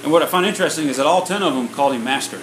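A man's voice: a little high, quick pace, a bit bright. Man preaching in an echoey room. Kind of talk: sermon storytelling, paused for interpretation. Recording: roomy, echoey room with a faint air-conditioner hum.

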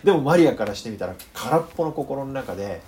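Pastor, male, northern Kyushu accent; expressive storyteller with a swooping delivery and playful asides. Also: mid-range voice, quick pace, slight background noise. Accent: northern Kyushu Japanese. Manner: animated storytelling, acting out the people in the story, joking. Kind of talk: sermon.

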